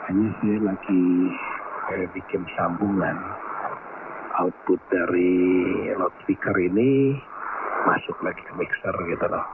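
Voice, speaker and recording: A man chatting casually about his gear on an amateur radio net, heard over a shortwave two-way radio, relaxed and technical, handing off turns with call signs. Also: sits low, measured pace. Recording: distant, tinny, very noisy radio signal.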